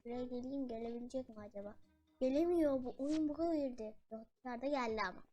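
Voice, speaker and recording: A woman's voice: sits high, quick pace, dark tone, dull audio, faint music behind. A woman hosting a gaming channel, chatting casually to viewers and her in-game pet as she plays. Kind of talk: casual gameplay commentary.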